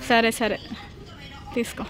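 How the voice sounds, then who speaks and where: A young mother speaks at a measured pace in a slightly bright voice, with a faint crowd and background music behind her. Vlogging a family outing, she chats casually to the camera while coaxing and fussing over her small son.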